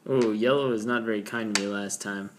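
A man's voice: on the low side, fairly even intonation, fairly quick, a little hiss or hum. A man co-hosting a casual trivia board game, dry and easygoing.

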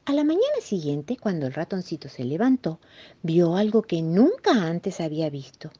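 Expressive woman reading stories. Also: lowish voice, normal speed, slightly rough, dull audio. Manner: expressive, playful storytelling. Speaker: storyteller. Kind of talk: reading children's stories and poems aloud.

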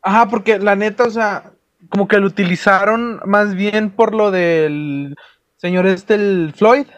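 A young Mexican man with a distinctly high-pitched voice chats casually. His talk is full of street slang and swearing. The sound is very dry, with no room around it. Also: unhurried, no echo, muffled recording. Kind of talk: casual chat.

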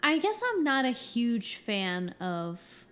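A young woman giving her views on a panel podcast in a measured, thoughtful way. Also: on the high side, sing-song, a bit bright. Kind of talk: casual chat.

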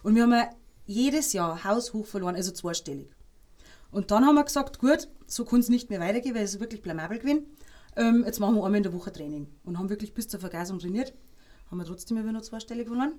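A woman with a Bavarian accent, a podcast guest telling lively anecdotes in casual chat and laughing between them. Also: medium pitch, fast talker. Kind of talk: casual storytelling.

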